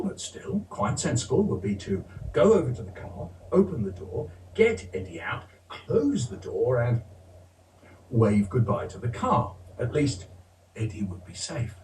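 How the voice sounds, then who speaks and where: A man telling a story in a theatrical way, acting out every character. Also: on the high side. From England. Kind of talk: animated storytelling. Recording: roomy, distant, faint hiss.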